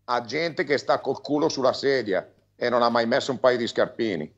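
A man's voice: mid-range voice, moderate pace. A middle-aged Italian man, a football pundit, talking casually and giving opinions over a lo-fi video call. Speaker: football pundit, former defender. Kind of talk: casual opinionated match discussion. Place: indoors, bright living room. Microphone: earphone mic on video call. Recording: dull lo-fi video call audio.

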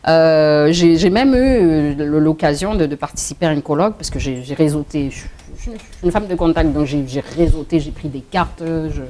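A middle-aged woman with a French accent, telling her own story in an interview, hesitant with many restarts and quick laughs. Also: low-pitched, warm tone, slight background noise. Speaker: interview guest.

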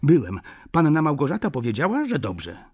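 A man's voice: a little high, wildly swooping pitch, moderate pace, slightly rough, voice pushed up, exaggerated voice. A man reading an audiobook, voicing a hot-tempered, romantic shopkeeper who bursts out indignantly. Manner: indignant, shouting outbursts.

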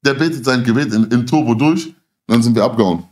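A man's voice: medium pitch, fast, a little mellow. A middle-aged man hosting a livestream, telling stories in casual street slang with insistent, emphatic repetition. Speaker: livestream host. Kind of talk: casual chat and animated storytelling. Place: small dim indoor studio.

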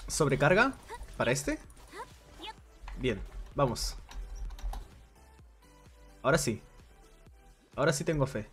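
A man's voice: mid-range voice, very animated, takes it slowly, pauses often, a bit bright, soft background music. A man giving casual gameplay commentary for a video game guide, thinking aloud as he plays in a chatty, conversational way.

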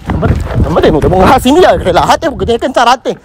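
A man's voice: very high voice, big pitch swings, fast talker, a crowd in the background. A man, running a street prank and pushing insistently, repeating himself again and again. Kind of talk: hidden-camera street prank.

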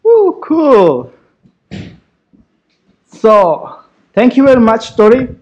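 A man's voice: very high-pitched, huge pitch swings, drawn-out words, darkish tone, reverberant, muffled recording. A young man hosting a casual vlog tour, filming himself with an action camera and whooping with enthusiasm. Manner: enthusiastic, frequent whoops and laughs. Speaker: vlog host and exchange participant. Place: guesthouse rooms and terraces, indoors and out. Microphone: action camera held at arm's length.

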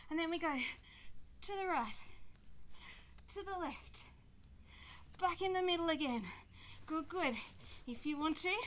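A woman coaching a kids' workout with short, energetic barked commands and encouragement, puffing a little as she exercises. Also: very high-pitched. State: exerting, puffing while exercising. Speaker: kids' fitness instructor. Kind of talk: leading a workout, calling out instructions. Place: outdoors in a grassy back yard. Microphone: camera microphone from a few metres away. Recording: noisy outdoor camera audio, some clicks.

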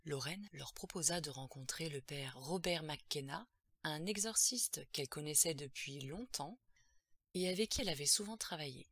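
A woman's voice: low voice, moderate pace, fairly bright tone, husky, dry recording, clean studio sound. A woman narrating a horror audiobook in a tense, dramatic storytelling manner.

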